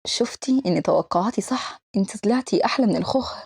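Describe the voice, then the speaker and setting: A woman with an Egyptian accent voicing a cold, obsessive young rich man who talks calmly and quietly menaces. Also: mid-range voice, quick pace, gravelly, husky, heavily acted. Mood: cold, menacing. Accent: Egyptian Arabic.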